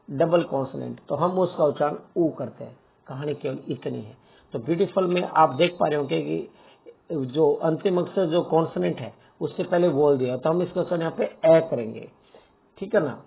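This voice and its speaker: A man's voice: on the high side, gravelly, slightly rough. A man teaching English grammar to students, asking and answering his own questions and calling them dear children. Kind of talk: Hindi-medium grammar lesson. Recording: tinny phone-like lo-fi sound.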